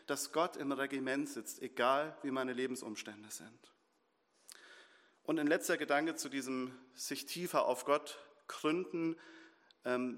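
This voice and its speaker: A man's voice: on the high side, a bit bright. A man preaching a sermon with earnest, repetitive phrasing, leading his congregation into prayer. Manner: earnest, builds in repeated short phrases. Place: church hall. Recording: long reverb in a hall, faint music.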